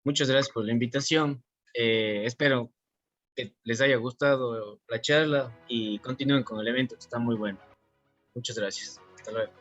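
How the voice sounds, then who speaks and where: Male lecturer, measured and explanatory, dry lo-fi call sound. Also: mid-range voice, steady tone, a bit bright, no echo, soft background music. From southern Ecuador. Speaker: guest lecturer. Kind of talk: online conference talk. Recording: dry, dull lo-fi call audio.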